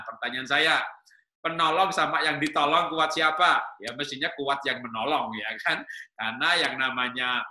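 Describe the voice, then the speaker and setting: A man's voice: fairly high pitch, pushed and bright, echoey room. A man preaching a humorous sermon to married couples, teasing the listeners with questions and jokes. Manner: joking, teasing the audience with questions.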